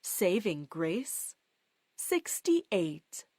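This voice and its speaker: A woman calls bingo numbers with their rhymes, drawing each one out very slowly. Her pitch rises and falls in a lively way, and the sound is dry and close. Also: no echo. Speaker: bingo caller.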